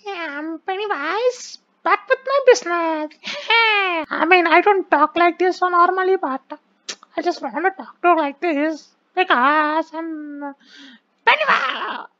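Pennywise, a man's squeaky impression. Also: lively intonation, unhurried, bright, forceful tone, lo-fi sound, exaggerated voice. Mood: gleeful. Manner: giggling, put-on squeaky voice. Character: Pennywise, menacing male killer clown. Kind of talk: gameplay commentary.

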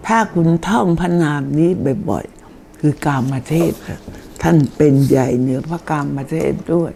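An older woman giving a chatty, informal lesson on deity names, explaining slowly and reading names aloud. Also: low voice, vocal fry, dark tone, slight background noise.

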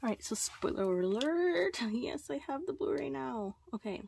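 Excitable young woman gushing over a haul. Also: high-pitched, normal speed, creaky, slight background noise. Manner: gushing, excitable, squealing with delight. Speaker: vlogger. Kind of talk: casual unboxing haul.

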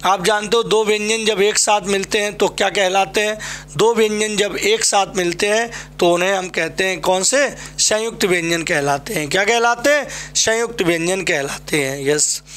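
A man's voice: sits high, normal speed, fairly bright tone. A male teacher from Uttar Pradesh giving an exam-prep Hindi lesson, drilling students by asking a question and then answering it himself.

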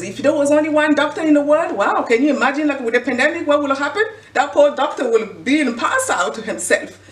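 This fashion vlogger and clothing designer, a middle-aged woman from the Congo in Central Africa, speaks in a high voice and a Congolese accent. Her motivational talk to camera is earnest and preachy, with one rhetorical question repeated often. She is recorded from far off by the camera, indoors beside a clothing rack, in an echoey room.

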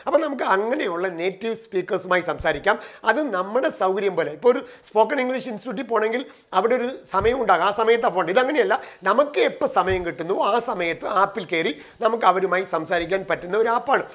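A middle-aged man from Kerala gives a motivational career talk with a notably high voice. He moves through numbered points, speeding up and then slowing down to stress key phrases. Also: expressive, a bit bright. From Kerala, India. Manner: numbered points, shifting between quick runs and slow stressed phrases. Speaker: career trainer and personal coach.

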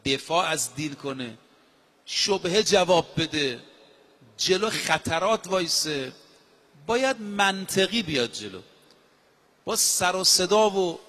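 A man's voice: high-pitched, sharp tone. A male preacher giving a sermon, emphatic, with rhetorical questions and repeated phrases. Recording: long hall reverb.

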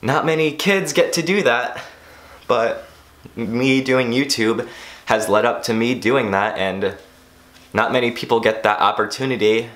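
A teenage boy vlogging casually, rambling with lots of "like" fillers and self-mockery, a bit hoarse. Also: medium pitch, unhurried, a bit bright. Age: teens. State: losing his voice. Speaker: YouTuber. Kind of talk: casual vlog monologue.

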